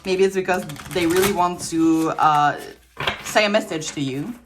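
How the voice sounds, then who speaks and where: Indoors at a table scattered with trinkets, a Quebec tarot reader gives a relaxed reading amid background noise. French is her first language and she has a Quebec French accent; her fairly low voice moves at normal speed. She's chatty and slightly tired, laughing frequently and often starting sentences over.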